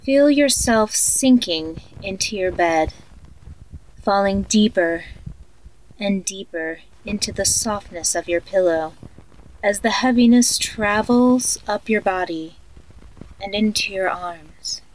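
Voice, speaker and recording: In a horror audio story, a woman voices an eerie narrator leading a guided sleep meditation. Her mid-pitched voice is very slow and soft, like a sleep story reader, soothing yet haunting. The acting is light and the audio quality is poor.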